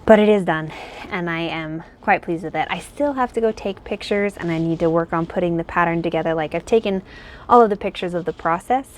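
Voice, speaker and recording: Indoors at home, a woman who designs crochet patterns rambles casually, thinking aloud while she shows off her work. She speaks a little fast in a lowish voice.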